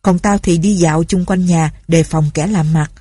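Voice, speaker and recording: A woman's voice: on the low side, fairly even intonation, moderate pace, dark tone, dry recording. A woman voicing a bossy, scheming old ex-pirate chief who barks out orders. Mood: commanding. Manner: bossy, gruff commands.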